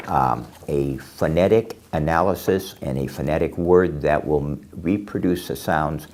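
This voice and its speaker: A man teaching English pronunciation to a class, explaining slowly and deliberately with frequent pauses and fillers. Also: low voice, darkish tone. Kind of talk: classroom lesson.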